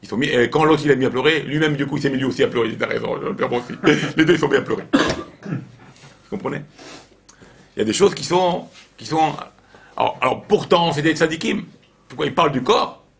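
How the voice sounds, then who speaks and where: Man, rabbi, informal Torah lesson, animated storytelling, repeats phrases. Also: a little high, fast talker, vocal fry, slight background noise.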